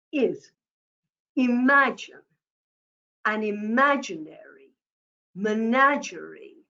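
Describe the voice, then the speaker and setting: Slow, deliberate female speaking coach, emphatic delivery on dull lo-fi web audio. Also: mid-range voice. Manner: deliberate, emphatic, varies stress for teaching. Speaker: communication coach. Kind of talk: presentation skills lesson.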